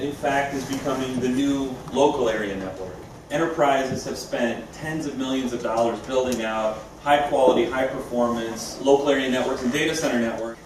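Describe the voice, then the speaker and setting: A man presents a live product demo in an informal, explanatory way. He sounds distant from the microphone in a strongly reverberant room, with clear noise behind him. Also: mid-range voice. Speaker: company presenter.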